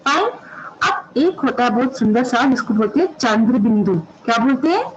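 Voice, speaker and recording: A woman's voice: a little high, animated, normal speed, dull audio, background noise. A woman kindergarten teacher giving an online class, drawing out each syllable patiently for small children.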